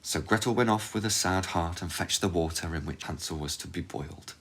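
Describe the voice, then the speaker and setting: A man reading a fairy tale aloud as a storyteller, in calm, measured narration. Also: sits low, breathy edge. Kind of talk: scripted narration.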